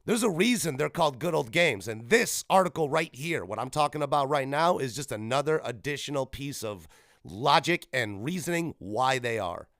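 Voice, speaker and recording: A man in his thirties hosts a solo gaming podcast, rambling casually and correcting himself along the way. His mid-range voice is animated and a bit bright, at a normal pace. It's studio-quality audio from a podcast microphone with no room sound.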